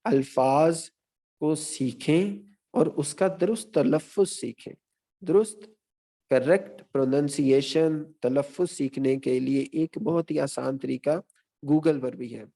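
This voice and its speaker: A man giving an online teaching session as a guest lecturer, speaking in a measured, explanatory way and recapping his points one by one. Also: on the high side, gravelly, mellow.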